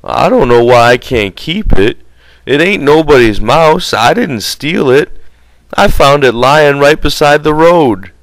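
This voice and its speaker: Audiobook role: huge, childlike, timid man played by a man, high pleading voice, naive and whimpering, dry sound. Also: expressive, unhurried, no room sound, low-quality recording. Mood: defensive pleading.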